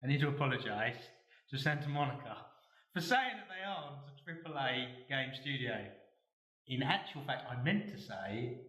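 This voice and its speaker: A man co-hosting a laid-back gaming podcast, chatty and quick to laugh. His voice sits in an ordinary middle register. The mic picks up plenty of room echo. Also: mid-range voice, expressive, pushed and bright. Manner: chatty, laughs easily, leads the segments. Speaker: podcast co-host. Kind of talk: casual gaming chat. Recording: echoey room.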